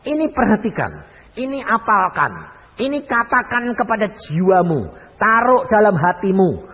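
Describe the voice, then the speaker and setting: Man, evangelist, sermon, hushed-to-loud swings, lively pitch, long hall echo. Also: moderate pace, husky. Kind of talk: sermon with storytelling. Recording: reverberant hall, dull lo-fi sound.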